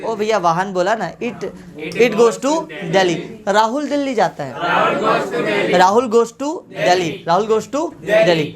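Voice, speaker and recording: A woman teaching an English grammar drill, repeating each sentence slowly and calling her pupils kids. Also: medium pitch, animated, crowd noise. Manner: slow, repeating each sentence for the class to echo; scolds pupils fondly as kids. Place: classroom full of students. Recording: classroom with a loud chorus of students. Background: students chanting answers.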